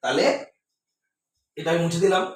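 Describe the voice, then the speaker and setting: A man's voice: on the high side, normal speed. A man teaching a chemistry lesson, who asks questions and answers them himself and repeats key words. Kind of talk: classroom lesson at a board. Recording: echoey room, voice from far off.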